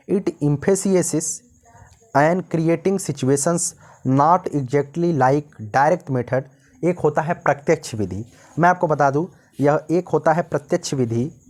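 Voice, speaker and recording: A male teacher with an Indian accent gives a recorded exam-prep lecture, explaining in Hindi, reading English notes slowly and often checking "ठीक है ना". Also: a little high, a little mellow. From North India.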